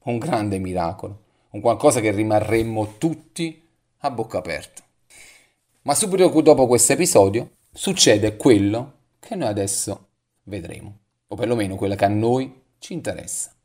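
A man's voice: on the low side, animated, normal speed, darkish tone. A man preaching a devotional sermon, reading scripture and reflecting, often asking the listener questions directly.

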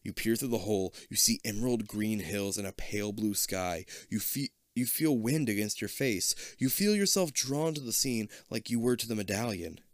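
A man's voice: lowish voice, moderate pace, few pauses, dry recording, clean studio sound. A man casually reading an adventure gamebook aloud, with joking asides. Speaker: reader.

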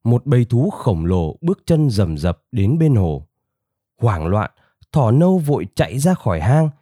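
A man narrating a fable with expressive, dramatic storytelling. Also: medium pitch, no room sound, clean studio sound.

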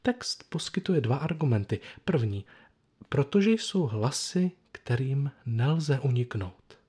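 Husky-voiced man preaching a reflective sermon. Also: medium pitch, sing-song, darkish tone. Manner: reflective, measured delivery with pauses.

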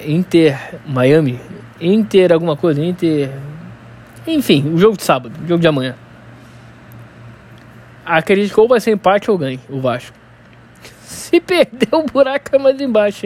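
A man with a Carioca accent ranting casually and unscripted in Rio street slang, swearing heavily, stammering and repeating words as he tells things in an animated way. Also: a little high. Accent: Carioca, Rio de Janeiro. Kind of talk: casual unscripted solo rant.

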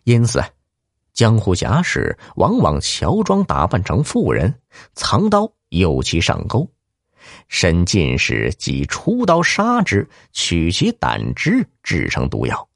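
A man's voice: takes it slowly, gravelly, dry recording, studio quality. A man telling a martial-arts story to children, narrating dramatically. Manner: dramatic, highly animated narration.

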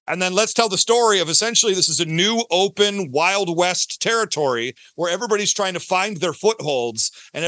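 On a podcast with no echo, a Detroit man with an American accent explains his creative work in a casual, emphatic way. His high voice sounds pushed and bright.

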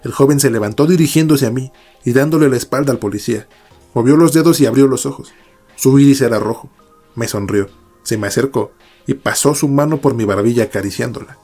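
A man narrating a first-person horror story in a measured, dramatic way. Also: medium pitch, dark tone, soft background music.

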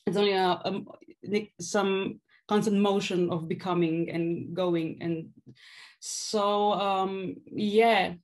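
A woman with a Slovenian accent speaks in a casual interview at a medium pitch. Her delivery is halting and hesitant, as she feels her way toward each word. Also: steady tone, darkish tone. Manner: hesitant, halting, searching for words. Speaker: podcast guest, philosophy PhD student and stand-up comedian.

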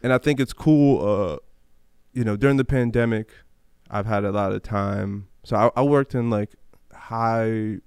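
A man's voice: on the low side, unhurried, a little mellow, smooth, no echo, studio quality. A man hosting a casual conversation, talking in loose slang with lots of fillers and restarts. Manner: slangy, rambling, many fillers.

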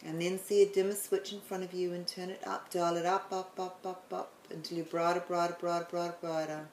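A woman explaining the planets in a chatty way, then leading a guided meditation with slow, soothing instructions and some stumbles. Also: lowish voice, level tone, a little mellow, roomy sound, slight background noise, poor audio. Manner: chatty, apologetic, stumbles over words.

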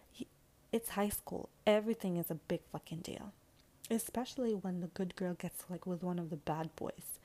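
A woman's voice: medium pitch, vocal fry, mellow. A young woman vlogger telling a personal story to her viewers in a sassy, casual way, full of slang, swearing and filler words.

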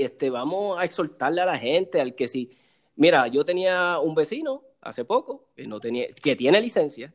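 A man talking casually on a talk show, telling animated stories and acting out what people said. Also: mid-range voice. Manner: animated storyteller, acts out quoted voices. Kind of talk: casual chat.

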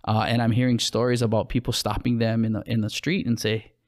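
A Hawaiian man with a Hawaiian accent, who co-hosts a podcast and owns a clothing brand, chats casually in a level, medium-pitched voice. His speech is halting, full of restarts and fillers.

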